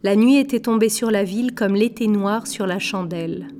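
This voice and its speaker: A woman narrating a storybook aloud in a slow, measured way, lightly voicing the characters. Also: medium pitch, warm tone, a little hiss or hum. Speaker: audiobook narrator. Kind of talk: scripted narration.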